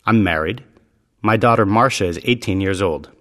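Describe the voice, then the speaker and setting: A man reading scripted dialogue lines for a language lesson in a clear, even delivery. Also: fairly low pitch, moderate pace. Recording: reverberant room.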